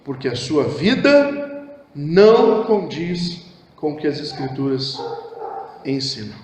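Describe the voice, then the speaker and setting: A pastor with a Brazilian Portuguese accent preaches a sermon with impassioned delivery, moving between hushed low phrases and raised exhortation with big pitch swings at a slow pace. The echoey church hall adds long reverb, and a little hiss or hum is present.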